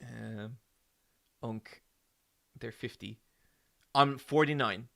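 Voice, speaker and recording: A man's voice: medium pitch, drawn-out words, creaky, bright, forceful tone. A man in his forties chatting casually with his stream audience, joking and rambling with lots of ums. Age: 40s. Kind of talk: casual live-stream chat with viewers.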